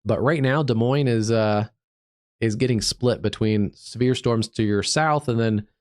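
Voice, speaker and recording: A man hosting a live severe weather stream as a meteorologist, stuffed up from allergies, talking through the radar in an easygoing, halting way with many fillers. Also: medium pitch, darkish tone, no echo, clean studio sound. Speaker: digital meteorologist, livestream host.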